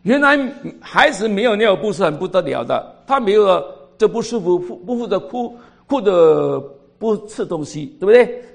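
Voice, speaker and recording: An older man with a Cantonese accent, telling a story in a sermon, voice swinging between loud and quiet. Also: high-pitched, very animated, normal speed, vocal fry. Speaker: pastor.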